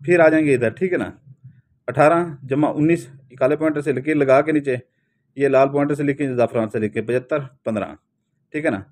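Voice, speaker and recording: A man's voice: on the high side, brisk, darkish tone. A man with a Pakistani Urdu accent teaches how to draw a talisman step by step, often adding a short tag phrase as he goes. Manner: keeps saying a tag phrase, plain step-by-step instruction. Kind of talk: spoken tutorial while drawing.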